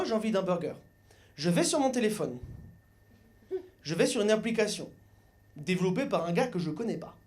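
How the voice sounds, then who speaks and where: A young man from Mayenne doing lively stand-up comedy on a club stage, joking and acting out the people in his stories. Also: high-pitched. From Mayenne, France. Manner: lively, joking, acts out voices of others. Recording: live club recording with audience laughter.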